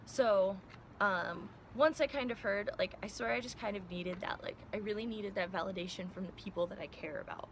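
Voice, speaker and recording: A young woman from Iowa telling her story casually to the camera, animated and laughing often, acting out the voices of the people she quotes. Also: mid-range voice, normal speed, slight background noise. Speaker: vlogger.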